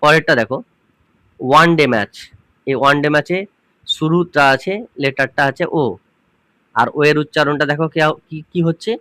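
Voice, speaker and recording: A male grammar teacher explains rules patiently, asking questions and repeating key points. His voice sits a little high. The recording is dry and close, with no room sound. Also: fairly even intonation, fairly quick, a bit bright, no room sound. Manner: addresses viewers informally as students.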